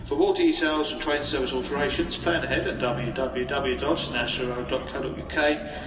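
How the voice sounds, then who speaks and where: A man's voice: medium pitch, steady tone, moderate pace. A man giving a formal, wordy public announcement to customers, in the manner of an airport or railway station announcer. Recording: echoey station tannoy, distant, noisy concourse.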